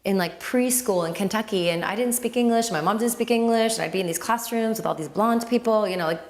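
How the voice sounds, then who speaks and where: Talking fast in a mid-range voice, a guest from Lebanon with a Lebanese accent, who grew up speaking Arabic, shares her story in a casual interview. She's reflective and relaxed, with fillers and restarts along the way.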